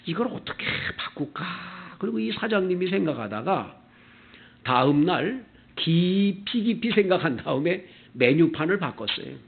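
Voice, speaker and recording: A man preaching a Sunday sermon as pastor, animated and acting out the people in his stories. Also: high-pitched, creaky. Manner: animated preaching, acting out quoted customers in character. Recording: tinny, phone-like church video audio.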